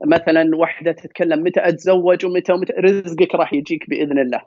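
A Saudi man speaks in a quick, husky rush, piling up repeated words to drive home his advice. His voice sits a bit high for a man. The recording is dry and slightly dull. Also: fairly even intonation, darkish tone, no echo. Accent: Saudi Gulf Arabic. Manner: fast, emphatic, repeats words for stress. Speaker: podcast guest. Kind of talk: casual storytelling and advice.

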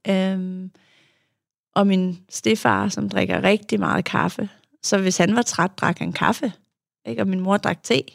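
A young woman with a medium-pitched, gravelly voice and lively intonation speaks as a podcast guest in studio-quality audio with no room sound. A youth therapist and adult child of an alcoholic, she tells her story frankly and reflectively, with frequent fillers.

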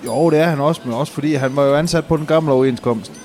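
A man's voice: fairly high pitch, a little mellow. A man playing a market boss in an improvised comedy sketch, brash and blustering, outdoors at a busy market.

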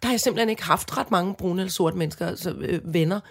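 A woman's voice: fairly low pitch, breathy edge. A Danish woman co-hosting a podcast, talking earnestly in casual chat with frequent restarts and fillers. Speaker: podcast co-host.

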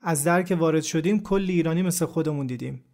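A man narrating a true story in the first person as a podcast narrator, in a calm, measured and reflective scripted delivery. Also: a little high.

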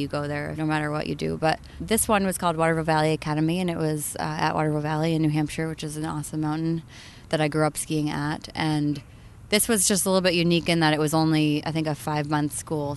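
A journalist in her thirties from Maine, USA, chats casually as an interview guest, laughing often and trailing off into fillers. Her voice is low-pitched, with slight background noise in the recording.

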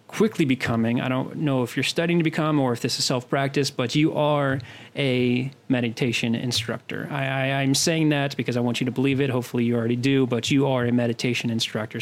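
A young man co-hosting a podcast, talking in a rambling way with many fillers and restarts. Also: mid-range voice. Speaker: podcast co-host. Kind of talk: casual podcast chat.

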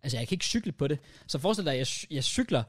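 A young man on a podcast, telling a story in lively casual chat and dropping English slang into his speech. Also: a little high. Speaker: podcast co-host.

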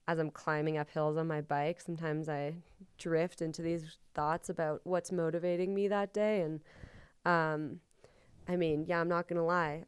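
A young woman, a ski racer hosting her own podcast, talks through her thoughts in a casual, rambling way with many likes and ums, and she is a little sick and hoarse. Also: deep voice, no room sound, studio quality. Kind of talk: casual reflective monologue.

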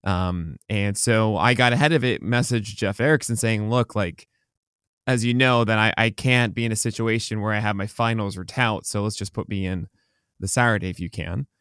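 Guy with a bit of a hoarse voice, rambly podcast chat, dry close mic. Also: fairly low pitch, normal speed, a bit bright, no echo. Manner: rambling, self-correcting. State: slightly hoarse. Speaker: podcast co-host. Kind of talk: casual chat.

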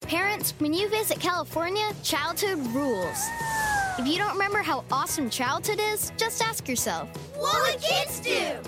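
A woman's voice: very high voice, sing-song, moderate pace, music in the background. A woman playing a bubbly character who addresses parents in a scripted ad. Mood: playful. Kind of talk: scripted ad read.

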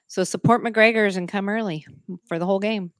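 A woman's voice: mid-range voice, steady tone, brisk, smooth, dry recording, studio quality. A middle-aged woman co-hosting a casual sports podcast, easygoing and agreeable, thinking aloud. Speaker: podcast co-host.

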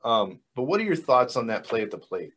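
A man's voice: medium pitch, big pitch swings, fairly quick, a bit bright, slightly rough. A man co-hosting a casual sports podcast, easygoing, with many fillers and restarts. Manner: laid-back, many fillers, agreeable. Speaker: podcast co-host.

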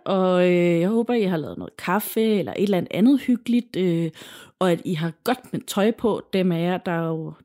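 A woman's voice: on the low side, warm tone. A Danish woman hosting a podcast in a casual, cosy storytelling manner, chatting informally to listeners about spooky tales. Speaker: podcast host.

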